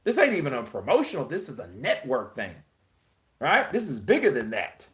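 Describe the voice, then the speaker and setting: A male boxing commentator talking casually and emphatically. He swears freely and keeps throwing rhetorical questions at the audience, in a mid-pitched voice. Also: huge pitch swings, normal speed, fairly bright tone. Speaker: boxing news host.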